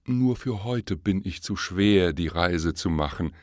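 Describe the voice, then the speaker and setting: A crafty fox from a storybook fable, voiced by a man, low-pitched and silkily polite, flattering while he schemes. He speaks with unhurried, dry courtesy. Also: dry recording. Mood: sly. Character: sly, flattering male fox. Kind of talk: audiobook reading of a verse fable.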